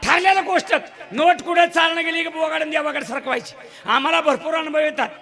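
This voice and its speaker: Brief: male folk preacher-comedian, high, bright, gravelly voice, loud and preachy. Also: steady tone, a little fast. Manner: loud, preachy, scolds the crowd. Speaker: bharud folk performer. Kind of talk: comic folk sermon to a live audience.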